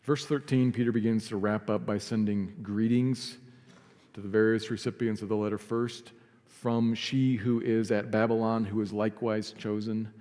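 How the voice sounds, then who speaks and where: A man preaching a sermon as pastor, earnest, sometimes dropping to a soft, quiet emphasis. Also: on the low side, big-room sound. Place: church sanctuary.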